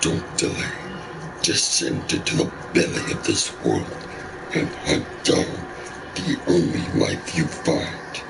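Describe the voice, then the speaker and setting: A man voicing an ancient demonic beast hunter from a video game, with a super deep, growling, possessed voice and a menacing, solemn, drawn-out delivery. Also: huge pitch swings, gravelly, distant mic, background noise, heavily acted. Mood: scornful, commanding. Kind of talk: video game character dialogue read aloud.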